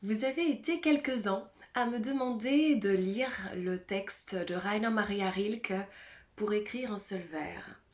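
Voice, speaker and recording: A woman with a mid-pitched voice recites poetry very slowly, every phrase spaced out with long pauses. Her delivery is soft and breathy, sinking now and then into a near whisper. It sounds like a phone recording. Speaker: mezzo-soprano reciting a poem.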